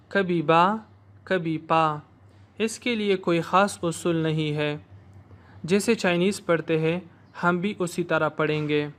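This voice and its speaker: A male language teacher giving a slow, explanatory recorded lesson and modeling sounds for learners to repeat. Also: on the high side, a bit bright, clean tone.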